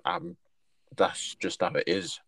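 A man's voice: low voice, very animated, takes it slowly, vocal fry, fairly bright tone, no room sound. A young man with a London roadman accent and street slang, casually talking things over in a group.

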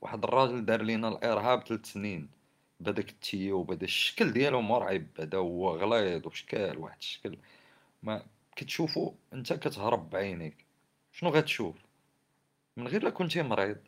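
A man's voice: fairly low pitch, animated, fast talker. A man with a Moroccan Arabic accent giving impassioned social commentary in an indignant, scolding way, firing off rhetorical questions. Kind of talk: impassioned spoken commentary on society and government.

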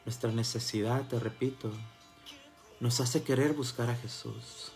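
A man preaching a sermon, dropping to soft murmurs and then rising to loud fervent cries as he calls out to his listeners as brothers. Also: mid-range voice, fairly even intonation, unhurried, vocal fry, soft background music.

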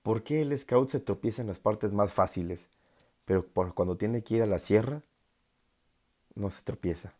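A man's voice: moderate pace, long pauses, dark tone. A young man with a Mexican accent talking casually to his audience, joking and laughing, then turning earnest. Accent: Mexican Spanish. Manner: joking, laughing, mocks others in put-on high voices. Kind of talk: casual monologue.

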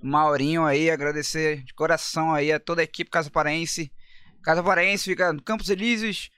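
Sweary, bright-voiced male co-host from Brazil. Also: on the high side, steady tone, fairly quick, clear, resonant tone. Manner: slangy, sweary, teasing. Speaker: podcast co-host. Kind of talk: casual chat.

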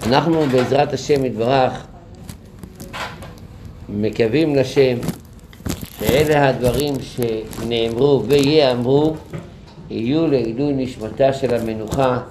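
A man's voice: mid-range voice, long pauses, noisy background. A man giving a sermon at a memorial gathering, telling a story and rising emphatically into rhetorical questions. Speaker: rabbi giving a talk.

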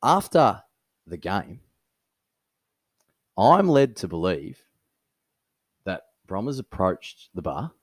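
Animated Australian man telling club yarns. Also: deep voice, slow, pauses often, no echo. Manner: storytelling, laughs a lot, animated. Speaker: podcast co-host. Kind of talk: casual chat.

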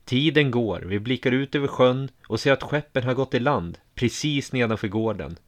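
A man narrating a first-person audiobook story in a calm, measured way. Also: mid-range voice.

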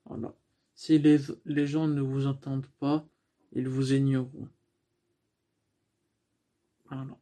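Slow and level, with long pauses, a warm medium-pitched man's voice carries this instructional talk. He is a speaking coach teaching how the voice works in communication, laying it out step by step amid frequent restarts and fillers.

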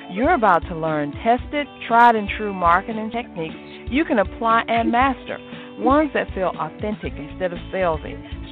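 Woman announcer, thin phone-like sound with music. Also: mid-range voice. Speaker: podcast intro announcer. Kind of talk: scripted promotional narration.

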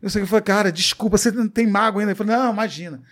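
A Brazilian man, a comedian guest, telling a story in casual interview talk, profane and animated, acting out what people said. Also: high-pitched, racing. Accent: Brazilian Portuguese.

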